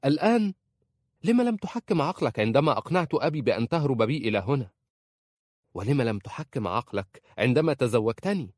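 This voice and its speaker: A man reading aloud and voicing a proud, stubborn young wife in a raised, higher voice. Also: a little fast, long pauses, mellow, no room sound, clean studio sound. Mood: shouting.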